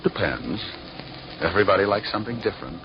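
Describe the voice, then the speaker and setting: A man's voice: sits low, expressive, quick pace. An American man playing a wisecracking, laconic private eye in an old-time radio detective drama. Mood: flirty, cool. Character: wry, restless, flirtatious male private eye. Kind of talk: 1940s-50s radio detective acting and narration. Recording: muffled, noisy old radio recording.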